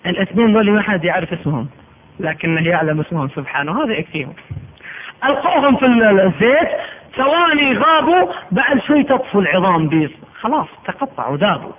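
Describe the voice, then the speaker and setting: A man's voice: sits high, very animated, fast, breathy edge. A man preaching a sermon, telling stories emphatically and pressing his points with oaths. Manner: emphatic, storytelling, swearing oaths. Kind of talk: sermon with storytelling. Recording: tinny phone-like recording, faint noise.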